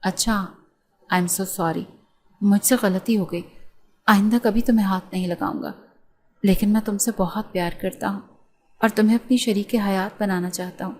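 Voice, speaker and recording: A woman's voice: medium pitch, fairly even intonation, long pauses, lightly acted. A lovesick young gangster man in an audio story, pleading and insistent, read by a woman narrator in nearly her own voice. The tone is earnest and pressing.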